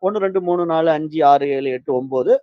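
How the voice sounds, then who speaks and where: A foolish traveller who frets and laments, as a male teacher acts him out, dropping his voice lower than his own. The sound is dry and close. It comes through a dull, lo-fi recording. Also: brisk, no room sound, natural voice. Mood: fretful. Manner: fretful, lamenting. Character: foolish anxious man counting friends.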